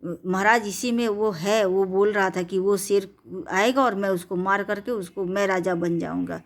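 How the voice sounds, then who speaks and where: A woman's voice: mid-range voice, fairly even intonation, moderate pace, natural voice. Woman doing a clever coaxing rabbit. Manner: coaxing, respectful pleading. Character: clever flattering male rabbit.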